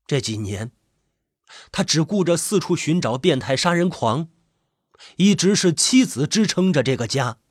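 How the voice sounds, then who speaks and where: A man with a husky voice, reading a suspense story in measured, expressive narration. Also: a little high, dry recording, studio quality.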